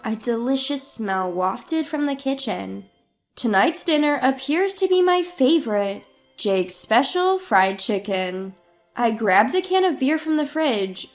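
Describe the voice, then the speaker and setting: Woman, thirties, high voice, calm measured narration, scripted first-person story. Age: 30s.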